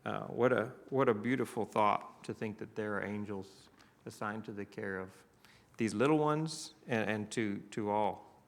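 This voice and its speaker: Speaking at a moderate pace in a fairly low, creaky voice, a Southern-accented man runs a church Bible class. His style is conversational, with many restarts and questions aimed at the group.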